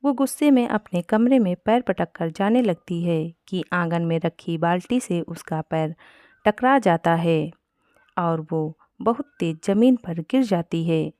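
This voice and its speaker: A woman narrating a family storybook in a steady, plain reading style. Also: fairly low pitch, measured pace, no room sound, clean studio sound.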